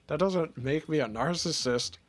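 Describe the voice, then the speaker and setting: A man's voice: fairly high pitch, normal speed. A man streaming a video game and chatting casually, rambling with many restarts and laughs. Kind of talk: casual chat while gaming.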